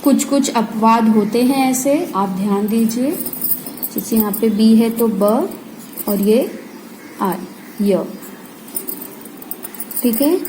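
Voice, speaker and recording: A woman teaches phonics slowly and patiently, breaking each word into letter sounds. Her voice is fairly high but mellow. A faint hiss of noise sits under the recording. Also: rough recording. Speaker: home tutor. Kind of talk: slow phonics lesson for parents and kids.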